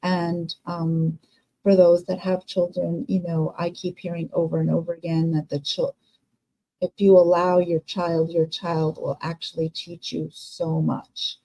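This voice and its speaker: A woman hosting a livestream, sharing her thoughts with viewers in a casual, unscripted way, halting and tentative as she goes. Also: fairly low pitch, flat delivery, warm tone, rough recording. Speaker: livestream host.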